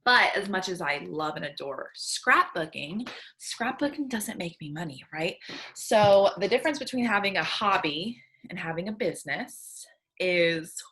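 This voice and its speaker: A woman's voice: fairly low pitch, lively intonation, unhurried, fairly bright tone. A woman in her thirties, a sales team leader, giving an earnest tough-love motivational talk from her computer at home, with frequent "um" and "right?". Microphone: computer webcam.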